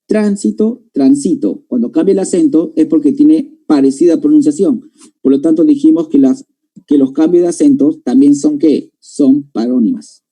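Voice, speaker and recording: A man's voice: on the high side, moderate pace, mellow, slightly rough, rough recording. A man teaching a grammar lesson to a class, explaining step by step and often checking that students follow.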